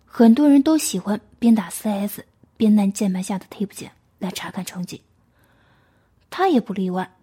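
A woman reading a story aloud in a hushed voice, often dropping to a whisper. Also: medium pitch, expressive, moderate pace, slightly rough.

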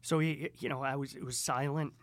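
A man from upstate New York, a podcast guest telling a story with lively acted-out dialogue. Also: medium pitch, fairly quick. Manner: animated, acts out both sides of dialogue. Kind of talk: storytelling in conversation.

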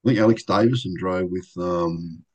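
Older bloke, low-pitched storyteller, racing guest, acts out the quotes. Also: male voice, moderate pace, poor audio. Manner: animated anecdotes with quoted voices. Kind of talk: casual storytelling interview.

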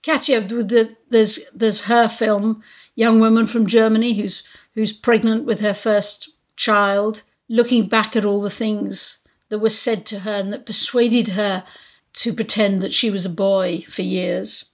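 A woman's voice: medium pitch, flat delivery, a little slow. A woman hosting a podcast, introducing recorded clips in a reflective, conversational way. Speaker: podcast host.

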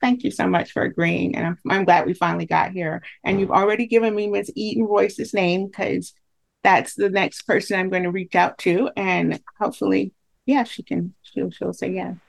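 A woman's voice: mid-range voice, fairly even intonation, normal speed, vocal fry. A woman hosting a podcast interview, chatty and enthusiastic. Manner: enthusiastic, chatty, laughs often. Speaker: podcast host.

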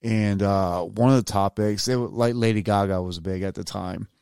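A man's voice: on the low side, normal speed, vocal fry, a little mellow, smooth, no echo, studio quality. A tipsy, rambling podcast guy. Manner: rambling storyteller, self-mocking, restarts words. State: tipsy from drinking. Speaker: podcast co-host. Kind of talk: casual chat.

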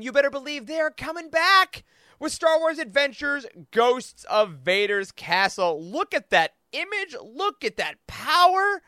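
A man hosting a casual podcast chat, talking in an excitable, gushing way. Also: very high voice, smooth, dry recording, studio quality. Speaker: podcast host.

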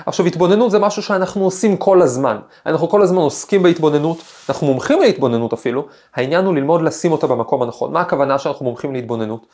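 A man's voice: a little high, few pauses, darkish tone. Reflective man telling stories. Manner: thoughtful, storytelling, frequent hesitations. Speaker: podcast host, professor. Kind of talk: reflective podcast monologue with personal anecdote.

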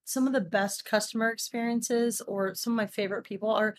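A young woman speaks as a guest in a relaxed interview, her voice set a bit high. She is playful and quick with laughing asides. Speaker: guest bartender. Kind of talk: casual interview chat.

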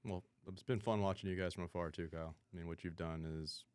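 A man's voice: low voice, steady tone, fast, a little mellow, no room sound. A man answering casually as an interview guest, a company founder talking in informal business speak.

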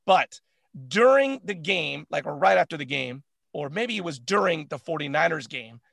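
A man co-hosting a casual sports chat, animated and laughing often, with lots of filler words. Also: fairly high pitch, normal speed, vocal fry, dry recording. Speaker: co-host.

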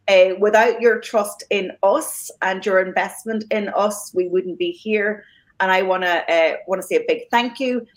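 A woman's voice: mid-range voice, rough recording. A woman hosting a podcast, talking casually and giving thanks with many fillers and restarts. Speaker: podcast host.

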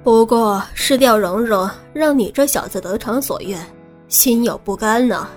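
In this audiobook, a smug, scheming young man voiced by a woman talks in a lowered, sly way. His voice sits lower than hers but still rides fairly high. Faint music plays underneath. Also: measured pace, lightly acted. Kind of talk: audiobook character reading.

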